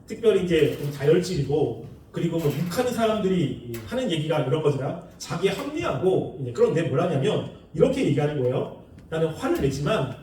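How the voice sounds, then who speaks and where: A man preaching a sermon in a lively, animated way, acting out the people he quotes with laughs. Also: a little high, fairly quick, slight background noise. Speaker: pastor. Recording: echoey room, far from the mic.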